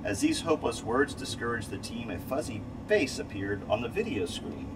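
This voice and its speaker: Inside a small, tight window module aboard a space station, a middle-aged man reads a rhyming picture book aloud at normal speed in a mid-range voice. His delivery is expressive, with the odd stumble and reread, and the distant mic captures a loud, steady ventilation hum resembling air conditioning.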